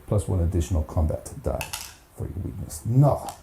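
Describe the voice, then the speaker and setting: Low, dark-voiced man counting dice. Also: sing-song, normal speed, gravelly, slight background noise. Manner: counts dice aloud, chatty and self-mocking. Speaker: board game player narrating a solo campaign. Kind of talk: casual play-through narration.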